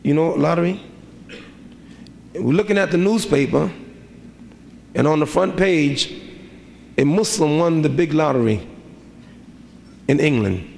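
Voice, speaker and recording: A middle-aged man preaches in a rhythmic cadence, repeating his questions back to the listeners. His voice sits a little higher than most men's. The long reverb of a large hall trails each phrase, with faint ambience underneath. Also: unhurried, creaky, long pauses, a little mellow, slight background noise. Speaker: imam. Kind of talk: sermon.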